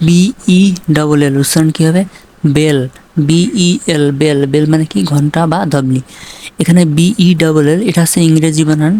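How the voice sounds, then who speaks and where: A man's voice: on the high side, darkish tone. A man teaching English spelling and pronunciation, spelling words out letter by letter, then asking what each means and answering himself. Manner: asks questions then answers them himself; slow, deliberate spelling of words.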